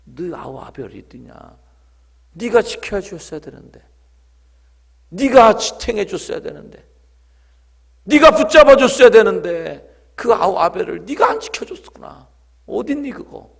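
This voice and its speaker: A man's voice: high-pitched, sing-song, a little slow, gravelly, long pauses, breathy edge, pitched above the performer's own voice, exaggerated voice. A man voicing God as He questions and reproaches a man, within a sermon. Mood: reproachful.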